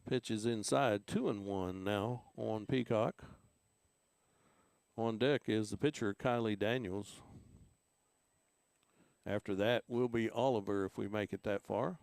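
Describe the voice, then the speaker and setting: A man with an Oklahoma accent calls a softball game play-by-play, easygoing and chatty. His voice is gravelly, and the sound is dry and close on a headset mic. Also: lowish voice, a little slow, long pauses, no echo. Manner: relaxed conversational play-by-play. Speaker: play-by-play announcer. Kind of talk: local softball commentary.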